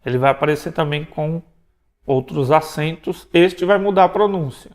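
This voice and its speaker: A man's voice: a little high, moderate pace, darkish tone. Brazilian man explaining Greek letters. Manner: explanatory, pointing to board, tag questions. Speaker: Greek language teacher. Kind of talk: recorded lecture.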